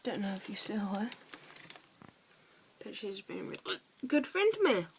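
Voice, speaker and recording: A drunk woman rambling casually in a confessional vlog, halting, drifting and swearing as she goes. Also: medium pitch, vocal fry, a little hiss or hum. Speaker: vlogger.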